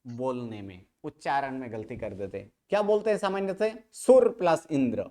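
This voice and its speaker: Classroom teacher, smooth clear voice, mid pitch, quizzes constantly, repeats answers back. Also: very animated, brisk, darkish tone. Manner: quizzing students with constant questions. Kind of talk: classroom Sanskrit grammar lecture.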